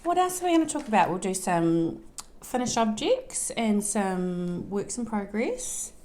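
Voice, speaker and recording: A woman's voice: medium pitch, sing-song, unhurried, darkish tone. A woman from New Zealand's South Island with a broad Kiwi accent, co-hosting a podcast in casual, chatty, informal talk. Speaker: co-host of a knitting and crafting podcast. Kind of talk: casual unscripted co-host chat.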